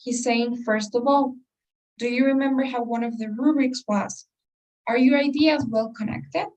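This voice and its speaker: A woman's voice: a little high, steady tone, moderate pace, darkish tone, distant mic, rough recording. A woman teaching an English test-prep class, explaining step by step and putting questions to her students. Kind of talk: class lesson.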